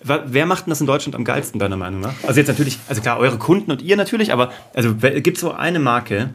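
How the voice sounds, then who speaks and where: A man hosting a casual podcast conversation, enthusiastic and slangy with quick reactions. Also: mid-range voice, animated, fairly bright tone, a little hiss or hum. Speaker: podcast host.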